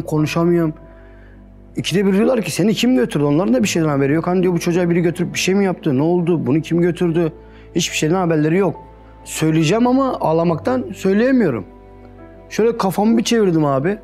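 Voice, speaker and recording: A man's voice: a little high, a little mellow. Earnest Turkish man telling his story. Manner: earnest storytelling, repeats "I said" and addresses listener as "abi". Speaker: interview guest. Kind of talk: emotional personal testimony.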